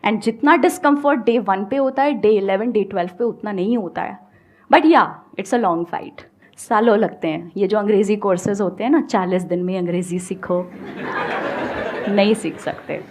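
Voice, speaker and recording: Animated Indian-accented woman coaching. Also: medium pitch, moderate pace. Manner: animated, mixes Hindi and English freely. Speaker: guest speaker, English-speaking coach. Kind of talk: motivational talk with audience questions.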